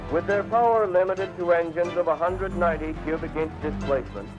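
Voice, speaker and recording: A man narrating a 1940s newsreel in a brisk announcer's delivery, with punchy phrases. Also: a little high, rough recording. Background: music.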